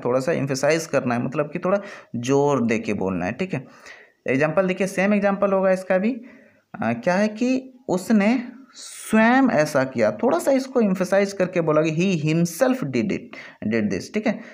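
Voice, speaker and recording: A man's voice: a little high, very animated, normal speed, a little mellow. A man with a Hindi accent teaching an English grammar lesson over slides, explaining step by step and often checking in with his students. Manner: explanatory, repeats "ठीक है" often.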